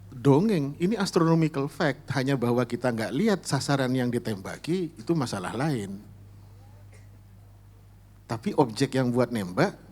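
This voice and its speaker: A man's voice: mid-range voice, darkish tone, husky. Emphatic man lecturing at a forum. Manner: mixes English terms into lecturing, emphatic. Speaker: speaker at a public forum. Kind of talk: discursive religious talk. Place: live forum event.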